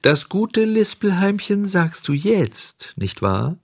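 Man voices storybook cricket: small, wise, high-pitched, prim and scolding. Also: sing-song, takes it slowly, husky, no echo, clean studio sound, heavily acted. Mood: reproachful. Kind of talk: audiobook character voice.

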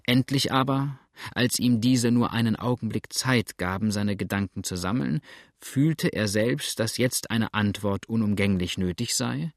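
A man reading a novel aloud in a measured, steady storytelling manner. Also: fairly low pitch, no echo, studio quality. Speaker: audiobook narrator. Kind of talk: scripted narration of a novel.

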